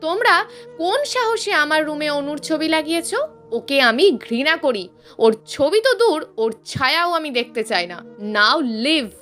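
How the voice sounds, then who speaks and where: A woman's voice: sits high, sing-song, moderate pace, a bit bright, faint music behind. A woman voicing an angry, curt young man who has come back from abroad. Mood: bitter. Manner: bitter and curt.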